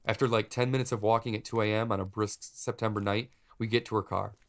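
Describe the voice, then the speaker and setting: A man hosting a podcast, narrating a personal story in a wry, deadpan comic way. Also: fairly low pitch, fast. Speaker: podcast host.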